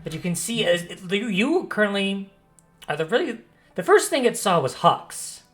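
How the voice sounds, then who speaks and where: A man's voice: high voice, big pitch swings, normal speed, fairly bright tone. A man running a tabletop fantasy game as game master, improvising narration and often repeating and rephrasing as he describes. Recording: music playing behind the voice. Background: background music.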